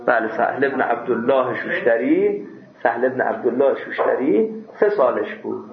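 A man teaching a seminary class. He reads classical quotes slowly, then explains them in a lively, chatty way with jokes. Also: mid-range voice, a crowd in the background. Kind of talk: classroom lecture on a religious law text. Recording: roomy, dull lo-fi recording.

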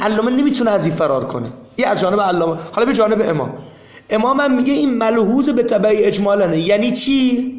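A man's voice: high voice, roomy sound. A man teaching a seminary class, explaining insistently and repeating his points.

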